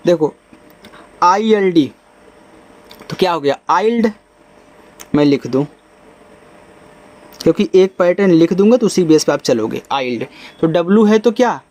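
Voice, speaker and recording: Brief: male phonics teacher, high voice, patient step-by-step explaining, slow spelling. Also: animated, a little mellow. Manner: explains step by step, spells letters out slowly, repeats and asks the class questions. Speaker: English teacher. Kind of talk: spoken phonics lesson.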